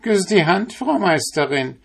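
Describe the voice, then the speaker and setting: A man voicing a cheeky, fast-talking journeyman who is secretly the devil, with a mocking, overly polite manner, in a storybook reading. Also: sits high, sing-song, gravelly, voice pushed up, full character voice.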